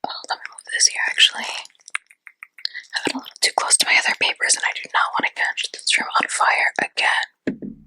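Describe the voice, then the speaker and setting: A woman's voice: normal speed, sharp tone, no echo, low-quality recording. A woman whispering in a chatty ASMR roleplay as a fortune teller, with lots of casual fillers.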